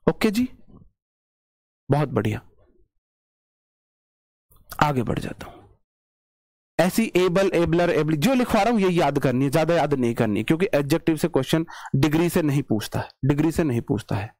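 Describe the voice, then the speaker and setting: A man teaching an online English grammar class, repeating rules and stretching out words slowly to show their sound, with chatty, teasing asides to his students. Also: a little high, lively intonation, a little mellow, no room sound. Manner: explains by repeating, drawn-out word demonstrations.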